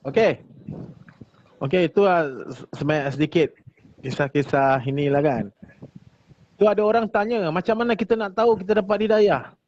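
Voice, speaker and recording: A man's voice: sits high, a little mellow. Casual male host, muffled. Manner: casual, halting, mixes in English. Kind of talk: casual interview.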